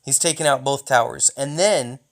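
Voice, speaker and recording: A man's voice: medium pitch, normal speed, vocal fry. A young man giving jokey, hyped-up commentary while showing replays of a mobile strategy game, often mock-taunting an imagined opponent. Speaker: gaming YouTuber.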